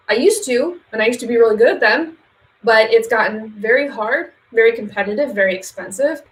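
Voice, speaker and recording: A woman's voice: a little high, a bit bright, echoey room, rough recording. A woman who runs a social media agency, giving business advice straight to camera in a casual vlog, chatty and direct, with fillers and emphatic repetitions.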